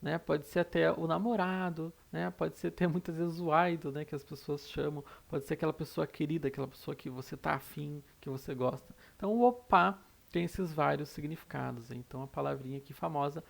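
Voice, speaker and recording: A Brazilian-accented teacher talks through an online language lesson at a middle pitch. The voice has a gravelly, fry-laden edge. They lay out each rule patiently and keep checking in with short tag questions. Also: steady tone, a little fast, few pauses. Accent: Brazilian Portuguese. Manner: explanatory, with frequent "né?" tag questions; repeats rules step by step.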